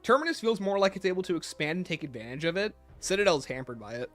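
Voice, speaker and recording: A man's voice: sits high, sing-song, fast talker, a bit bright, faint music behind. A man hosting a livestream, giving opinionated casual commentary and answering chat messages aloud. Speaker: livestream host.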